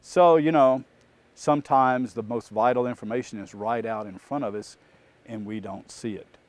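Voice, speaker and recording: A man who trains auditors, telling a work anecdote in an animated, casual storytelling way. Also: medium pitch, moderate pace, dry recording. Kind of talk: storytelling talk.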